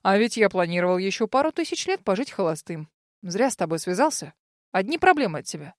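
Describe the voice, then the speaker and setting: A woman's voice: medium pitch, very animated, fast, dry recording, studio quality, close to an everyday voice. A woman voicing a sarcastic, theatrical male dragon ghost who complains melodramatically in a storybook reading. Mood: mocking.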